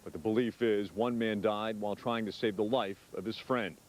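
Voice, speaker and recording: A man's voice: on the low side, fairly even intonation, moderate pace, darkish tone, a little hiss or hum, rough recording. A man narrating a scripted television news report.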